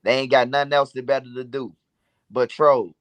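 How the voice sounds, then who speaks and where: A man's voice: mid-range voice, level tone, moderate pace, no echo. A man hosting a livestream, chatting and telling stories casually in slangy, profanity-laced street talk. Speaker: livestream host. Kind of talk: casual livestream chat and storytelling.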